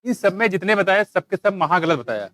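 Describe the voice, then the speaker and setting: High-pitched teasing teacher scolding a class. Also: male voice, animated, a little fast, a bit bright, no room sound. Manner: teasing, scolding, jokey, calls students by name. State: dry throat from shouting. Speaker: biology teacher. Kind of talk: live classroom lecture with quizzing.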